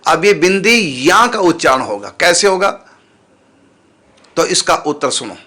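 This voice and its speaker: A man giving a spiritual teaching talk, patiently explaining how sacred syllables are pronounced and repeating sounds slowly for his listeners. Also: fairly high pitch, big pitch swings, bright, forceful tone.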